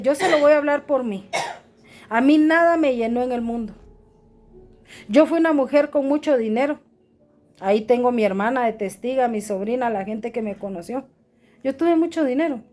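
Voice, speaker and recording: High-voiced woman pastor preaching. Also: darkish tone. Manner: earnest, addresses listeners as brother. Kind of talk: sermon.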